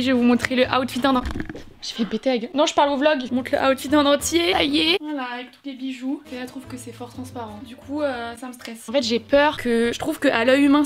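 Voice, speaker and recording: A young adult woman from France talking in a casual, slangy vlog style, chatty, rambling and self-deprecating. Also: sits high. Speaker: vlogger.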